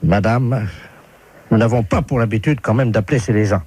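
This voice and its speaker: A man's voice: fairly low pitch, normal speed, mellow, slightly rough, no echo. A man making a prank call, apologetic and mock-embarrassed. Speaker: phone prankster.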